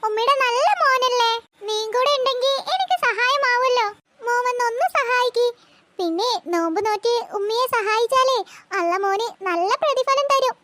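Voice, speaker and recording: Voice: expressive, moderate pace, heavily acted. A performer voicing a sweet cartoon mother coaxing her son to help. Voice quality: very high-pitched. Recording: loud background hiss.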